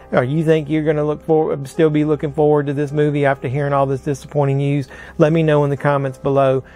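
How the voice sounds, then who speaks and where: A middle-aged man talks straight to his camera, rambling through his opinions with lots of fillers and hedges. His voice sits in an ordinary middle pitch. A faint bit of music runs quietly under him. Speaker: pop culture YouTuber. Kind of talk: casual to-camera movie reaction. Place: room full of movie posters and collectibles.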